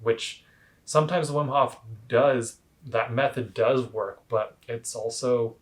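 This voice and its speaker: Man coaching casually, in a halting way. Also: mid-range voice, steady tone. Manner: halting, hedging with "kind of" and "like". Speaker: cold plunge coach. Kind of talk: casual instructional explaining.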